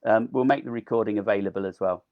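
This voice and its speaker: The audio is dull as a man with a lowish voice talks fast through an informal live online talk on gardening. A delphinium grower, he's chatty and eager, using many ums as his voice wears thin.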